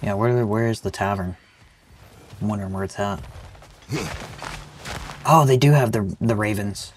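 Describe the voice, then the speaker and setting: Speaking at a moderate pace in a lowish voice, a young man who sounds sick hosts a gaming channel let's-play. His commentary is rambling, joking, and self-deprecating, and there is noise in the background.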